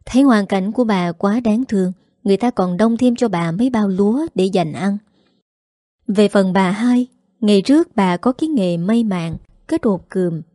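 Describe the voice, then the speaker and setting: A woman's voice: medium pitch, warm tone, dry recording, clean studio sound. A woman with a Southern Vietnamese accent narrating a story in a plain, conversational way.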